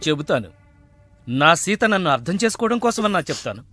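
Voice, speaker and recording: A man's voice: a little high, big pitch swings, quick pace, fairly bright tone, faint music behind. An actor playing a married man in a film comedy, dodging questions with sing-song riddle stories. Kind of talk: Telugu film comedy acting. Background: film background score.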